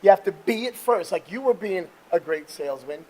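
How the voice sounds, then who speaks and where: A man's voice: high voice, lively intonation, brisk, a little mellow, slight background noise, low-quality recording. A man hosting a casual motivational interview, talking emphatically like a salesman while exercising on a treadmill. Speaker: interview show host.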